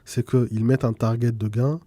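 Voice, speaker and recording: A man's voice: mid-range voice, little pitch movement, normal speed, warm tone, no room sound. A man from France, a guest in a casual interview, explaining things through examples with frequent restarts. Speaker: guest trader.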